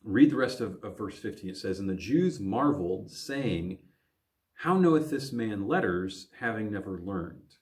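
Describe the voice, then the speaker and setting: A man's voice: on the low side, lively intonation, unhurried, a little mellow. A man, a pastor from the American Midwest, teaching a recorded Bible lesson for teens, thinking aloud with frequent fillers and restarts.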